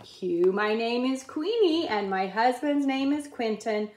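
A woman reading a children's picture book aloud at a table, in a slow, careful read-aloud cadence. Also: on the high side, animated, a little mellow, echoey room. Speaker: reader. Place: indoors at a wooden table.

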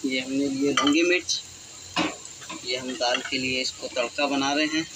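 A man's voice: medium pitch, steady tone, normal speed, heavy background noise. A man hosting a home cooking channel, talking through each step of a recipe in a casual, chatty way with frequent filler phrases.

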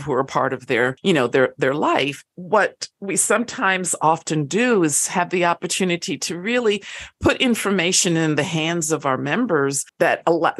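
A woman's voice: on the low side, a bit bright. A woman in her fifties talking casually as an interview guest, enthusiastic and chatty with frequent restarts. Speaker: guest, network founder.

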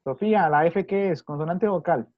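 A man's voice: on the high side, a little fast, no room sound. Guy teacher on a video call, patient, keeps repeating questions, dull dry audio. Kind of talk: online English class taught in Spanish.

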